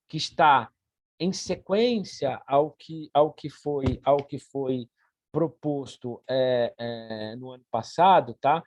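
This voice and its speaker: A man's voice: on the high side, a little mellow, no echo. Earnest Brazilian man presenting, dry sound. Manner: earnest, halting with repeated words. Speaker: meeting organizer. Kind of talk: online meeting presentation.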